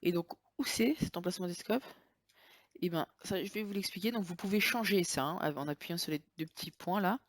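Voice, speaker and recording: A woman with a lowish voice talks briskly through a casual software tutorial over a screen recording, with no echo. She's chatty and often hesitates and corrects herself.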